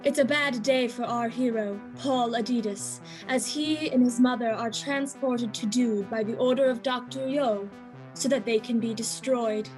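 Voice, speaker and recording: A woman's voice: fairly high pitch, normal speed, close to an everyday voice, low-quality recording. A woman playing a melodramatic storyteller, narrating a sci-fi serial spoof. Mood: dramatic. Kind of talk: scripted dramatic narration. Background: music.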